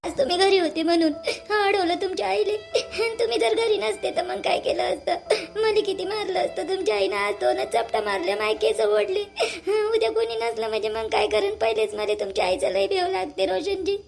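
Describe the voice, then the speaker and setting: A woman's voice: very high-pitched, fairly quick, vocal fry, soft background music. A woman, playing a young wife who sobs and complains that her mother-in-law beat her. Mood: sobbing. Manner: sobbing, tearful complaining. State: crying. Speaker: actor in a family drama. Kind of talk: amateur family drama acting.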